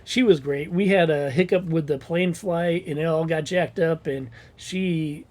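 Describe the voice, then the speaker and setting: A man's voice: on the high side, unhurried, darkish tone. A man from Missouri co-hosting a casual podcast chat, plugging his convention in a rambling way, full of ums. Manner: rambling, filler-heavy promotional talk. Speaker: convention organizer and podcast co-host.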